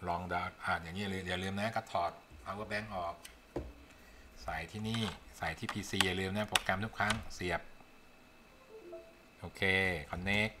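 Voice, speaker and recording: A man's voice: low voice, steady tone, unhurried, pauses often, background noise. A man giving a casual programming tutorial, talking the viewer through his screen, thinking aloud and coaxing them along. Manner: chatty, coaxing, thinks aloud while typing. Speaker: programming instructor.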